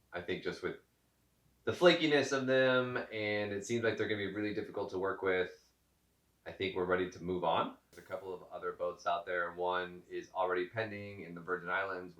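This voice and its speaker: A man vlogging casually at home, explaining things in a measured, matter-of-fact way. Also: sits low, fairly bright tone. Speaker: vlogger, co-host of a sailing channel. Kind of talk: casual chat to camera. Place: at home in a house. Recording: echoey room, distant mic, faint music.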